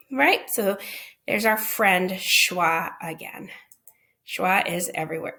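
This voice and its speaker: A woman's voice: mid-range voice, bright, forceful tone. A woman answering teachers' questions in a recorded phonics lesson, explaining patiently and checking in with "okay?" and "right?".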